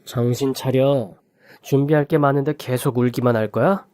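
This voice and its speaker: A cold husband speaks flatly and dismissively. A narrator does him for a narrated story. The voice is dry and close. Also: male voice, mid-range voice, moderate pace, dry recording, natural voice. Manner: flat, dismissive. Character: cold, callous husband in his thirties.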